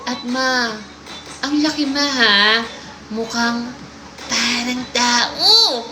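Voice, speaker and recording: A woman's voice: a little high, extremely slow, roomy sound, noisy background. A woman hosting a casual livestream, reading listener stories aloud with playful, teasing asides.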